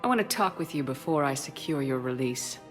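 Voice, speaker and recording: An actress playing a composed, firm military space commander in a video game, terse and probing. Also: female voice, a bass voice, lively intonation, fairly quick. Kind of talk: dramatic video game dialogue. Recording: music behind the voice.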